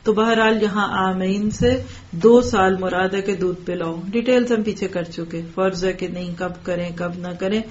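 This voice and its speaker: A woman giving a Quran commentary lesson, reciting verses slowly and then explaining them plainly, with direct questions to her listeners. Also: mid-range voice, fairly even intonation, dull audio. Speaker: Quran teacher.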